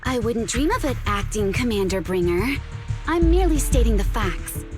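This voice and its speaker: Woman playing a high-voiced, composed female officer. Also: animated, moderate pace, natural voice. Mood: cool, diplomatic. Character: composed, formal female special-unit officer. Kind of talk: video game voice acting. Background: music.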